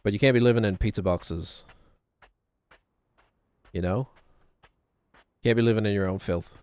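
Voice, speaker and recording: A man's voice: on the low side, normal speed, darkish tone, smooth, dry recording. A middle-aged man giving casual, rambling game commentary in a wry, musing manner, often talking to himself. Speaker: gaming streamer.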